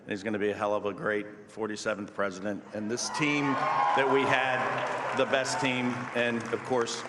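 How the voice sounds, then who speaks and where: A man's voice: on the low side, flat delivery, moderate pace. A man with an American accent giving a brief, plain-spoken rally speech of thanks. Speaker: campaign official thanking the team. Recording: echoey hall PA with very loud noise.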